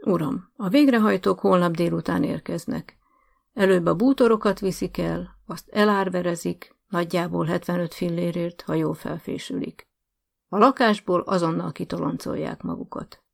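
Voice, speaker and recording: A woman's voice: fairly low pitch, fairly even intonation, vocal fry. A woman reading an audiobook, voicing a rude male official who talks in a curt, mocking, condescending way. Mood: contemptuous.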